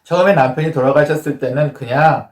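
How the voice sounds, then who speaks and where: Korean pastor preaching in an echoey room. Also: male voice, a little high, quick pace, darkish tone. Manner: storytelling sermon, acting out quoted prayers. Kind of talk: sermon. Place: church. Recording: roomy echo.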